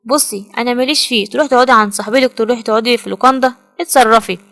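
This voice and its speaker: A blunt young man who brushes everyone off in clipped Egyptian Arabic, as a woman narrator puts him on. The delivery races along at a very quick clip. He sounds cold and curt. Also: a little high, fairly even intonation, a bit bright, dry recording. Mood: dismissive. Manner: dismissive, curt.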